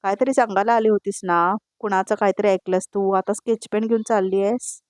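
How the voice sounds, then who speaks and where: A woman's voice: medium pitch, steady tone, a little fast, mellow, no room sound, studio quality, lightly acted. A woman voicing a puzzled young man asking worried questions.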